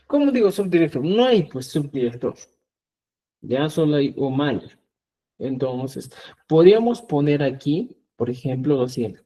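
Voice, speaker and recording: A man's voice: a little high, mellow. A man teaching a Quechua class, explaining patiently and often checking that students follow. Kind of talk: classroom lesson.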